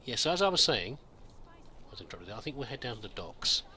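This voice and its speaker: A man's voice: medium pitch, big pitch swings, quick pace, pushed and bright, a little hiss or hum. A man giving casual, rambling game commentary, musing aloud hesitantly and politely as he plays. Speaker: gamer narrating a roleplay playthrough.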